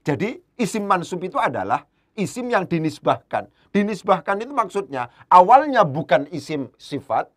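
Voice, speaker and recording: A man's voice: big pitch swings, moderate pace. Man teaching Arabic grammar. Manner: explains patiently, repeats key terms and stresses them; rises in pitch and volume when driving a point home. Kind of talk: evening lesson lecture.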